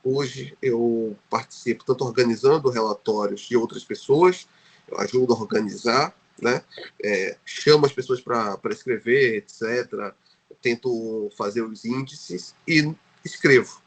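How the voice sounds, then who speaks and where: Speaking unhurriedly in a medium-pitched voice, a Brazilian guest researcher is interviewed on a podcast in Portuguese with a Brazilian accent. He hesitates often, frequently restarting and leaning on fillers.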